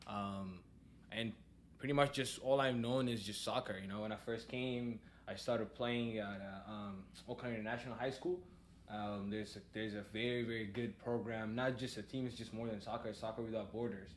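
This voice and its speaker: A man's voice: fairly low pitch, moderate pace. Young guy from ethiopia on a podcast, laid back, lots of likes and ums, bit of background noise. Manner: relaxed, many fillers and "like". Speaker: podcast guest, soccer coach. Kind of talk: casual conversation.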